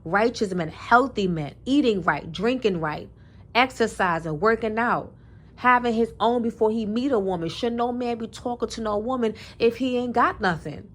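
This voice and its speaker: Here a woman vlogger offers commentary in a fairly high voice at an ordinary pace. Her monologue is opinionated and preachy, colloquial in style, with phrases repeated for emphasis and scripture quoted along the way.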